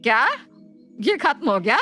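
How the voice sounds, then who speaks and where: A woman plays a scheming mother-in-law in a cartoon, always dramatic and whiny. Her voice sits a little high. Faint music plays behind. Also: very animated, a little slow, pushed and bright, heavily acted. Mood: complaining. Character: middle-aged mother-in-law, scheming and complaining. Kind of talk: cartoon voice acting.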